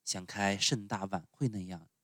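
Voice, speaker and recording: A man reading a children's storybook aloud at home, expressive, with frequent little filler sounds. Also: low-pitched, moderate pace, no echo, clean studio sound. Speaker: parent reading bedtime stories. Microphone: home recording, close mic.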